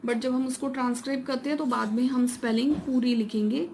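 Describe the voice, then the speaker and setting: A woman's voice: high voice, fairly even intonation, a little mellow, a little hiss or hum. Woman teaching a shorthand lesson. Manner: mixes Hindi with English terms, reads English rules out slowly. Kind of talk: classroom lesson explaining step by step.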